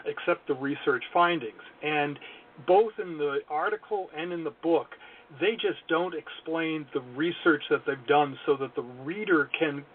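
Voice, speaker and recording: Over a tinny phone line, a male consulting guest talks in a podcast interview, sounding earnest and analytical and adding wry, self-deprecating asides. His voice is on the high side and a little slow.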